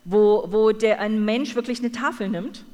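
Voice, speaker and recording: This interpreter, at a mid pitch, follows a preacher closely in a large church hall with a long reverb. Each phrase comes right after the preacher's, with fillers and small restarts along the way. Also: normal speed, darkish tone. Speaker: sermon interpreter. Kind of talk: consecutive interpreting of a sermon.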